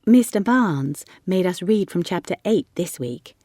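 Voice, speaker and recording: A woman voicing a lively, eager young girl from the gentry who chatters and coaxes. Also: on the low side, unhurried, no room sound, studio quality. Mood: chattering. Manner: excited, chattering, coaxing.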